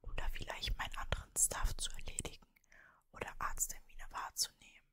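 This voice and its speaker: Young German woman in a soft ASMR whisper. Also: brisk. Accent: Mannheim German. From Mannheim, Germany. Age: early twenties, 23. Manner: soft whisper close to the microphone. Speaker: ASMR creator and streamer. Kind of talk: whispered ASMR, casual personal chat. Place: cosy bedroom, indoors. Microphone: desktop microphone, very close.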